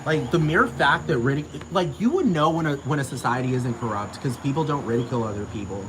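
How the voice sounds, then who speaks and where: A man's voice: medium pitch, animated, quick pace, background noise. A man ranting to camera in a casual, profane, heated way, repeating himself.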